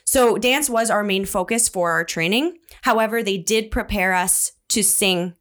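A young woman from Canada talking as a podcast guest in an upbeat, expressive, animated way. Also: mid-range voice, measured pace. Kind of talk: casual chat.

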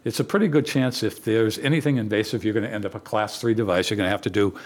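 Low-voiced man explaining his startup. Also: fast. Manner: explanatory, rises in pitch when animated. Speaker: startup founder guest. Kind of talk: casual podcast conversation.

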